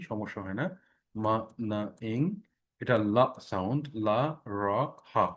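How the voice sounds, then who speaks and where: Patient man teaching pronunciation. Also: medium pitch. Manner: explains patiently, repeating sounds many times and checking in with "ঠিক আছে?". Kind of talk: online class lesson.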